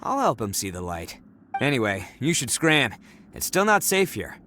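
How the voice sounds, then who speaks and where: A man's voice: mid-range voice, huge pitch swings, normal speed, bright, forceful tone, a little hiss or hum. An actor playing a brash, boastful young oni man who fancies himself a hero in a video game. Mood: reassuring. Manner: boastful, swaggering, slangy.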